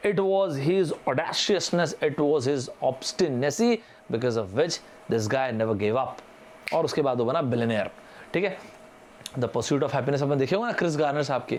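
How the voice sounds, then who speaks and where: This is a young man from India leading a live vocabulary lesson for exam aspirants. His voice sits a little on the high side. He talks in a loose, chatty way, spells words out letter by letter and keeps inviting viewers to answer in the comments. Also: a little mellow. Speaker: online vocabulary teacher.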